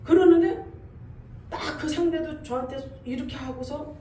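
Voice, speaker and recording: A woman pastor preaching a sermon, telling a dream story with lively sound effects and rising into loud exhortation. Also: sits high, normal speed, distant mic. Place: church sanctuary. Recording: echoey church hall, voice from off-mic, faint room noise.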